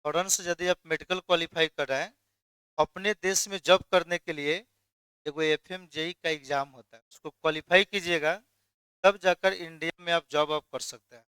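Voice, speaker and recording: Male chemistry tutor, high clear voice, dry close sound, quizzes the class and supplies the answers. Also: steady tone, normal speed, bright, forceful tone, dry recording. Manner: quizzes students, then answers his own questions. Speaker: chemistry teacher. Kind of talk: classroom lecture.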